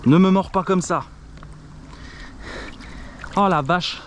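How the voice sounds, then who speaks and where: A young man from France kayak fishing on a river, giving excited vlog commentary to an action camera and talking to the fish. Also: sits high, slow, very noisy. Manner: excitable, exclaims constantly, talks to the camera and the fish. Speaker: kayak angler filming himself.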